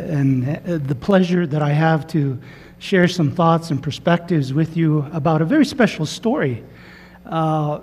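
A man from Santa Clara Pueblo giving a formal talk, measured and often hesitating. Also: on the high side, a little mellow, big-room sound. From Santa Clara Pueblo, New Mexico. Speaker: speaker sharing a traditional story.

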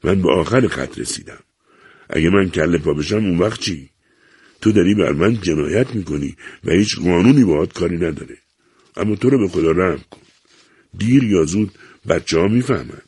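A man's voice: fairly low pitch, very animated, vocal fry, long pauses, mellow, slightly rough, no room sound, voice pushed up, full character voice. A man voicing a desperate middle-aged man who pleads in a strained, raised voice, for an audiobook. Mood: pleading.

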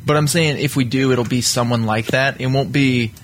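A man hosting a casual podcast chat, excitable and teasing. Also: medium pitch, normal speed, slight background noise. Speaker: podcast host.

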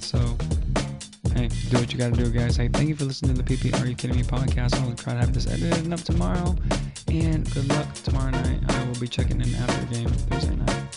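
A man's voice: medium pitch, creaky, mellow. A man hosting a fantasy football podcast solo, with casual, slangy sports commentary. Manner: informal, slangy.

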